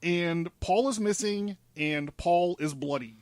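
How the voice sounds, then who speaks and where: In a dry studio recording, a man with a high voice speaks slowly as he lays out a conspiracy theory. His delivery is casual, rambling and full of swearing, like he's presenting a case in relaxed studio chat.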